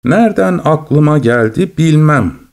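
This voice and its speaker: A man's voice: a little high, expressive, unhurried, gravelly, a little mellow, pitched above the performer's own voice. Timid crippled dwarf jester, played by a male narrator, hesitant and subdued.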